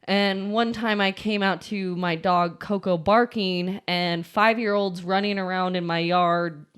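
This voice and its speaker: A woman co-hosts a relaxed chat, telling a neighbor story with exasperated laughs. Her voice is smooth and slightly low for a woman. She takes her time over every phrase. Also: unhurried. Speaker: podcast co-host.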